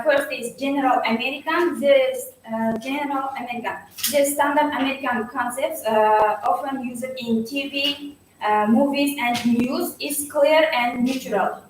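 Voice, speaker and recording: A woman giving a student research presentation, halting, with frequent pauses and restarts. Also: sits high, slight background noise. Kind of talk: academic presentation. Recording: echoey hall, far from mic.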